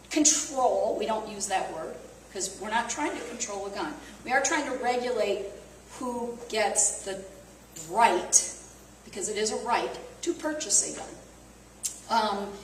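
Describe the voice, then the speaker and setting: A woman's voice: fairly high pitch, a bit bright, slight background noise. A woman with a Midwestern accent speaking casually to a small group, conversational, with fillers and self-corrections. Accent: Midwestern American. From American Midwest. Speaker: volunteer speaker. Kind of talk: casual talk to a small audience. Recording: echoey room from far off.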